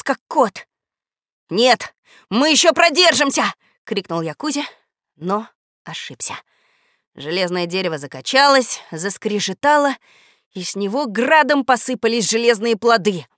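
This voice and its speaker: A woman narrating a children's audiobook in a lively, expressive manner. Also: medium pitch, no room sound, studio quality.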